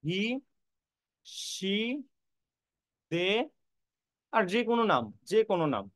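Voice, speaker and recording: A very animated man with a high-sitting voice talks at a slow pace, with no room sound. It's an online admission-prep grammar class where he repeats points, spells out words letter by letter, and reassures the students he addresses directly.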